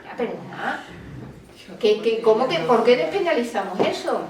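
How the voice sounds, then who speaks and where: A woman speaks as a lawyer at a colloquium, telling a case in animated fashion and playing out both sides of the dialogue. Her voice sits a little high. She is picked up from some distance in a roomy hall with faint ambience. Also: normal speed, noisy background. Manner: animated storytelling, acts out quoted dialogue. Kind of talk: talk at a public colloquium. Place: meeting room.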